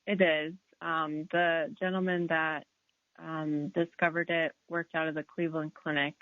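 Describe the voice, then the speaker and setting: A woman's voice: deep voice, level tone, unhurried, no room sound. A woman in her thirties calling into a radio show, earnestly explaining with hesitant fillers. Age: 30s. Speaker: caller. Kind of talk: phone-in caller. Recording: tinny phone line.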